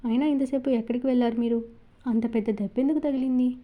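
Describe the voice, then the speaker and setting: A woman's voice: a little high, steady tone, quick pace, narrow, tinny audio, natural voice. A woman voicing a doting young wife who frets and scolds her husband. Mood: worried. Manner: anxious, scolding.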